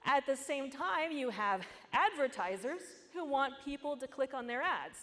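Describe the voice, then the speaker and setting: A fairly high-pitched woman presents at a security conference, keeping it casual and conversational with frequent asides. Her voice carries a long reverb from the large hall around her. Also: lively intonation, normal speed, bright, forceful tone. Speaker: conference speaker.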